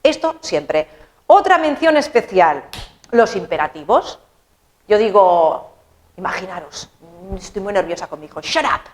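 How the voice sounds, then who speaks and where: A woman, an English teacher explaining grammar in an animated, chatty, playful way. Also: mid-range voice, unhurried.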